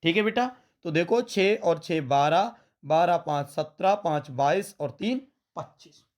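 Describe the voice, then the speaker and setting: A coaching teacher runs an exam-prep lesson in a fairly high, darkish voice, speaking a little slowly. His Hindi carries a western Uttar Pradesh accent, and he often calls his students "beta" and turns his points back into questions.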